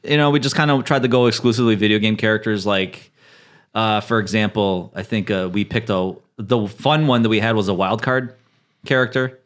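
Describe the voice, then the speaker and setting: Easygoing low-voiced male podcast guest. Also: steady tone, brisk. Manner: easygoing, hesitant with many fillers. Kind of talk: casual chat.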